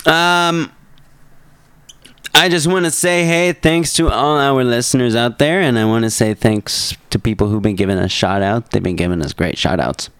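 A man's voice: medium pitch, fairly even intonation, normal speed, fairly bright tone, clean tone, no room sound. A man hosting a podcast in casual chat, joking and rambling, correcting himself, with a cough. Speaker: podcast host.

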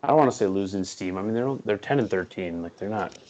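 A man with a lowish, darkish voice co-hosts a podcast, chatting casually about sports. He's blunt and opinionated, with quick reactions.

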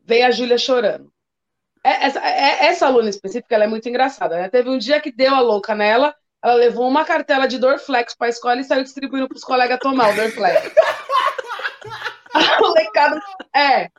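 A woman's voice: high-pitched, fairly quick. A woman who works as a school coordinator, chatting casually and animatedly acting out children's voices as she tells stories. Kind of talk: casual storytelling chat. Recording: dull lo-fi sound.

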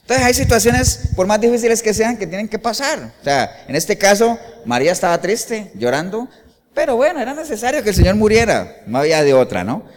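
Animated man preaching in a reverberant hall. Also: sits high, brisk. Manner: animated preaching with rhetorical questions to the congregation. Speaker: pastor. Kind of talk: sermon.

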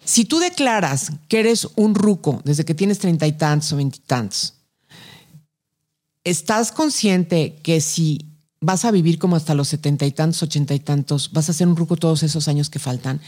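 A woman's voice: sits low, lively intonation, normal speed, a little mellow. A middle-aged Mexican woman, a podcast guest, giving advice in an emphatic, colloquial way. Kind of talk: casual conversation.

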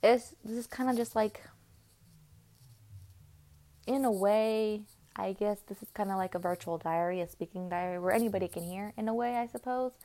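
A woman hosting a casual solo podcast, talking in a chatty, rambling way with many pauses and restarts. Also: mid-range voice, warm tone. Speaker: podcast host.

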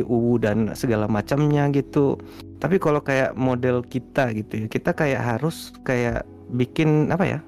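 A man, a guest streamer, chatting casually in an interview, relaxed and rambling with lots of fillers. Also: mid-range voice, vocal fry.

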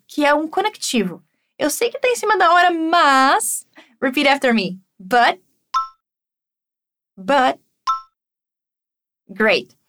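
A Brazilian woman with a high voice leads an English lesson, her first language Portuguese. She drills short phrases at an unhurried, careful pace for the listener to repeat, then explains them quickly between the drills. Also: a bit bright. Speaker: English teacher.

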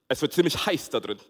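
Male pastor, slightly high voice, animated storyteller, church hall reverb. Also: husky. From Togo. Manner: animated storyteller, acts out family dialogue, laughs often. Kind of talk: storytelling sermon.

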